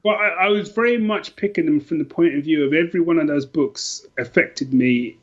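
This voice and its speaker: Telling personal stories on a podcast, this middle-aged man from London is enthusiastic, rambling and prone to repeating himself in casual chat. He speaks a little fast in a fairly high voice, and the recording is muffled.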